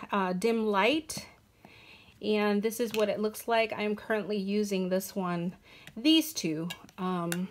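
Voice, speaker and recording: A young adult woman talking casually to camera as a beauty vlogger, hesitant with frequent ums and self-corrections. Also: mid-range voice. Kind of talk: casual product talk to camera.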